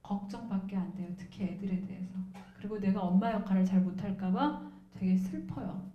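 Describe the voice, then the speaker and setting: A woman's voice: medium pitch, brisk, reverberant, dull audio. A woman professor giving a lecture, asking questions and answering them herself.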